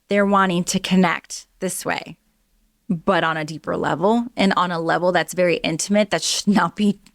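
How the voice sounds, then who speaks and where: The host of this solo podcast, a woman in her early forties, reads news aloud and chats candidly about each item. Her voice sits at medium pitch in a dry, studio-quality recording.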